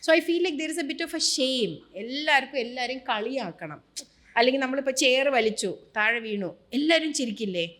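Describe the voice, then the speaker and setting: A woman from Kerala with a Malayali accent, speaking as a guest on a casual podcast. She is animated and emphatic, moving freely between Malayalam and English. Her voice sits slightly higher than most women's. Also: moderate pace. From Kerala, India.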